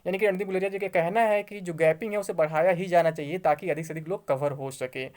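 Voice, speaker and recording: A woman with an Indian accent presents exam news on YouTube, reading articles aloud and explaining them in an informal way. She talks fast, with a fairly low pitch and a darkish tone.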